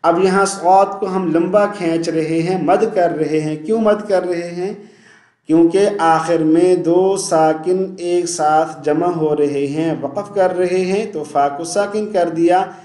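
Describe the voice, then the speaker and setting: A man teaching Quran recitation, spelling out letters and drawing out each word slowly between quick explanations. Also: fairly high pitch, steady tone, darkish tone, roomy sound. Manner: slow, drawn-out recitation alternating with quick explanations.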